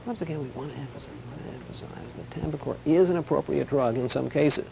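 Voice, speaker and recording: A man's voice: mid-range voice, fast talker, creaky, crowd noise, rough recording. A male TV news correspondent rehearsing his piece to camera for a raw feed, repeating his lines and cursing at his own slips. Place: remote location.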